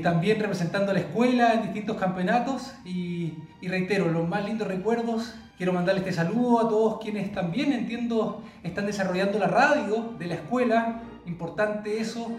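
A man's voice: sits high, normal speed, darkish tone. Upbeat Chilean man, roomy and distant. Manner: upbeat, encouraging. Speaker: former student sending greetings. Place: his home.

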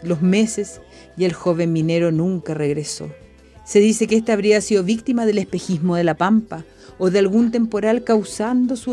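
A woman narrating a legend for children in a gentle, unhurried way. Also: mid-range voice. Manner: slow, gentle storytelling. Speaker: school radio presenter.

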